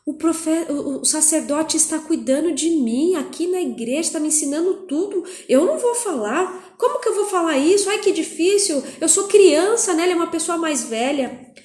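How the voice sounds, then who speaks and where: A woman's voice: very high-pitched, lively intonation, moderate pace, roomy sound, voice pushed up. A woman voicing a timid, earnest young boy in a children's Bible lesson, anxious and fretful.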